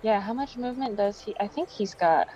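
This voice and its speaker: A woman's voice: medium pitch, animated, a little fast, a little mellow, slight background noise. A woman playing a tabletop game, talking casually and a little unsure of herself. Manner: hesitant, unsure. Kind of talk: casual chat. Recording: dull lo-fi sound.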